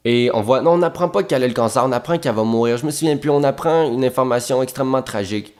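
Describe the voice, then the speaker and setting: Animated young Québécois man ranting. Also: medium pitch, quick pace. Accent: Québécois French. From Quebec. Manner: animated, profane, repeats words for emphasis. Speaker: actor telling anecdotes. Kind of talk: casual storytelling monologue.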